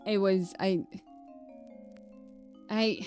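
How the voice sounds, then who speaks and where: With faint music in the background, a woman streamer whose first language is Swedish rambles through casual live-stream chat in a light accent. Her mid-range, slightly mellow voice stays steady and draws out words, while she stumbles over phrases and laughs a lot.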